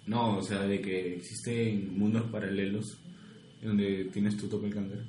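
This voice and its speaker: A young man co-hosting a podcast, dry and offhand, mumbling his punchlines quietly. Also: lowish voice, level tone, measured pace. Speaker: podcast co-host. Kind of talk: casual podcast banter. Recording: echoey room with faint noise.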